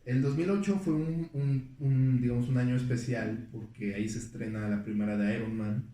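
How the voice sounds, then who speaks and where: A man's voice: medium pitch, fairly even intonation, moderate pace, mellow. A man, a podcast guest, chatting casually and rambling with many fillers and restarts. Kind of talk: casual storytelling chat. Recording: echoey room, distant mic.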